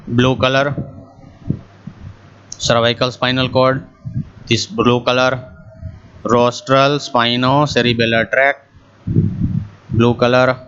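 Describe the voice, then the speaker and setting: A man giving a slow, deliberate anatomy lecture, switching between Hindi and as he walks through a diagram. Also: mid-range voice, a bit bright, smooth. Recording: muffled, slightly lo-fi screen recording.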